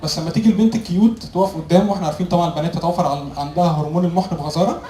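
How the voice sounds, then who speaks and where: A man with a Cairene Egyptian accent performing observational stand-up, telling stories and acting out short dialogues in an animated way. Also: high-pitched, very fast. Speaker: stand-up comedian. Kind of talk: observational stand-up comedy routine. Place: live comedy venue with audience. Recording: echoey live venue, crowd laughter, noisy.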